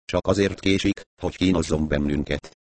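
A man's voice: low voice, steady tone, darkish tone, slight background noise, lightly acted. A man reading the part of a whiny, rude sleek-haired young man in an audiobook. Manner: whining.

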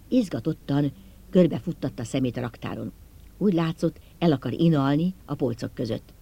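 A man narrating an audiobook in first person, in a steady, measured storytelling way. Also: mid-range voice, creaky, slightly rough.

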